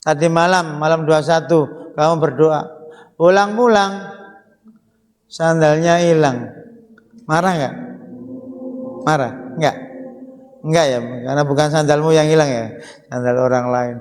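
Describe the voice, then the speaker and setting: A man delivers a humorous sermon in a fairly high voice, animated and full of jokes. His words ring out with a long reverb, as if spoken in a large hall. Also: a little slow, pauses often. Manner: animated, joking, lively swings of tone. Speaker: preacher.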